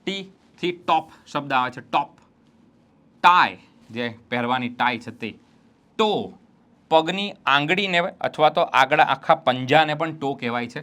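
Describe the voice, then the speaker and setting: A man teaching an English grammar lesson, repeating words slowly and explaining step by step to students. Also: medium pitch, sharp tone. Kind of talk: classroom-style grammar lesson.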